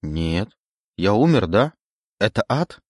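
A man's voice: on the low side, sing-song, slow pace, dry recording, clean studio sound, full character voice. A man reading an audiobook, voicing a confused, frightened young man with a pleading, rising panic.

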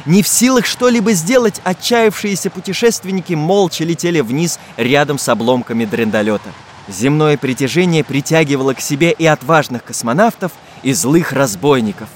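A man reading a children's fairy tale aloud in an expressive storytelling way. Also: a little high, moderate pace, a little hiss or hum. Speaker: audiobook narrator. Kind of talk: scripted narration.

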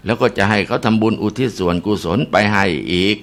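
An older village abbot speaks with calm authority in a deep voice, as a man acts him out. He sounds measured and firm. It is a spoken ghost story. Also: natural voice. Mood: coaxing. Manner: calm, then commanding.

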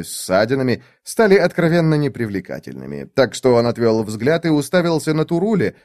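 Expressive male audiobook narrator. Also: medium pitch, no echo, studio quality.

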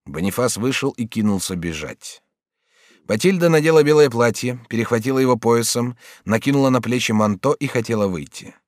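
A man narrating an audiobook in an expressive, theatrical reading. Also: medium pitch, brisk, no room sound. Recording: dry studio sound.

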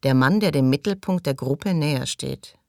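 A woman's voice: extremely low pitch, normal speed, creaky, no echo, clean studio sound. A woman reading an audiobook and voicing a reserved, wary man who sees himself as an outsider.

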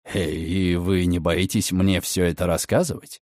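A man voicing a sly, mocking gentleman who speaks in a low, quiet drawl. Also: expressive, takes it slowly, no room sound, studio quality, full character voice. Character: mocking, menacing grown gentleman, sly and cold.

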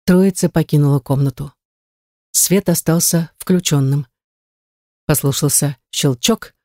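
A woman's voice: low-pitched, unhurried, warm tone, no echo, studio quality. Woman reading a tense audiobook. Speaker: audiobook reader. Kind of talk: scripted audiobook narration.

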